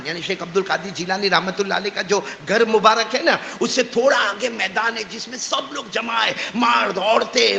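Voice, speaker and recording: A man's voice: high-pitched, slight background noise. A male preacher telling a story in a sermon, calling on the gathering to answer him. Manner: lively, calls on the audience to answer. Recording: echoey hall with long reverb.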